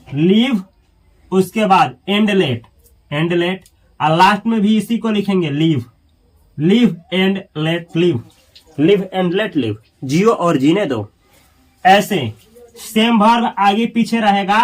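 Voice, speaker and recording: A man teaching an English lesson, who explains step by step, spells words out letter by letter and repeats each phrase. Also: high voice.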